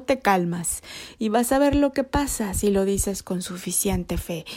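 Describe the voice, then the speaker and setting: A woman telling Bible stories to children in a gentle way, often dropping to a whisper. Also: medium pitch. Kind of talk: storytelling for children.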